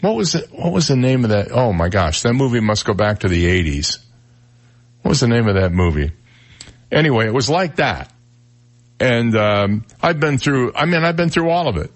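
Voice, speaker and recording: A man's voice: medium pitch, very animated, moderate pace. A man hosting a radio talk show, telling rambling self-deprecating stories. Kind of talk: casual chat on radio. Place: radio studio.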